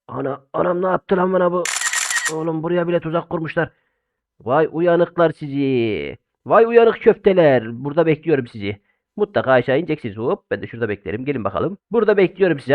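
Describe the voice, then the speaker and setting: Young man, rapid-fire gaming commentary, loud outbursts then low mutters, slightly high voice, thin phone-like audio. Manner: loud, exclamatory, swings between shouting and muttering. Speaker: gaming YouTuber. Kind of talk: excited let's-play commentary. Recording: phone-like narrow band.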